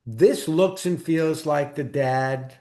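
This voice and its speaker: Higher-pitched man with a Brooklyn accent. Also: slow, warm tone. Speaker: guest author. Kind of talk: conversational personal storytelling.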